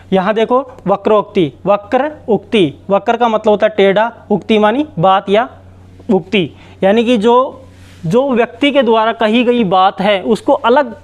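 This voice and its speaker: Male teacher with a high voice, explaining a grammar lesson step by step and repeating himself. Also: darkish tone. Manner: slow, repetitive explaining with many restarts. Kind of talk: Hindi grammar lesson at a board.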